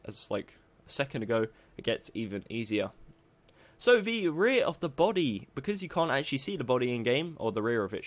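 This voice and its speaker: This voice-over for a building tutorial comes from a lively, upbeat man whose croaky voice sits in the mid range. He talks over game footage and slows as he runs through the steps.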